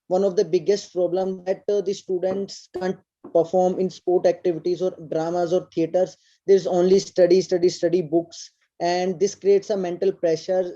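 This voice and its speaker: A man's voice: high voice, warm tone. A young man, a college student speaking earnestly and politely in class, often addressing the teacher as sir. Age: young adult. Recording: dull lo-fi audio.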